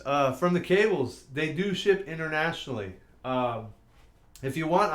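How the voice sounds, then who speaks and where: Working in a warehouse workshop, a middle-aged man rambles on a casual live stream and responds to viewers. His mid-range voice has a fairly bright tone, picked up by a distant mic that makes the sound roomy.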